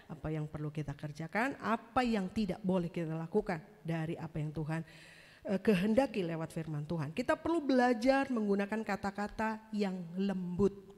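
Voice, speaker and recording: A woman with an Indonesian accent preaching a sermon in a casual, conversational way, tagging her sentences with "ya" and calling the congregation "saudara-saudara". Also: mid-range voice. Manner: conversational, tags phrases with "ya" and "gitu", addresses "saudara-saudara". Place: large church hall. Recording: long church hall reverb.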